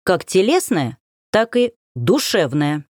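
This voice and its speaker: A woman's voice: mid-range voice, very animated, dry recording, studio quality. A woman playing a stiff, stern young officer. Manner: measured, stiff and formal. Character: stern young man, strict officer cousin.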